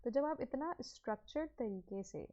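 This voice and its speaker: A woman's voice: fairly high pitch, lively intonation, moderate pace, mellow, lo-fi sound. A woman, teaching from slides, mixing English phrases into Urdu and asking and answering her own questions. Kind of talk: explaining a slide lesson.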